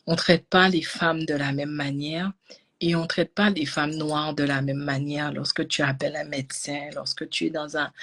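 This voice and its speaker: Husky woman telling a story. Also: low-pitched. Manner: animated, swings between loud bursts and hushed whispers. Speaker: energy healing coach. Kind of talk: personal storytelling to a live audience.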